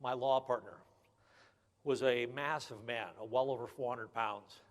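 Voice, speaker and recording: A man's voice: mid-range voice, steady tone, measured pace. An older man giving a humorous graduation speech, folksy and emphatic, often repeating key phrases. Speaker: graduation speaker. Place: large ceremony hall. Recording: long hall reverb.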